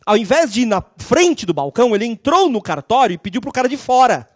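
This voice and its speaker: A woman lecturing on law, telling lively stories and constantly checking in with her class. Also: fairly high pitch, fairly quick, no echo. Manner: animated, acts out scenes.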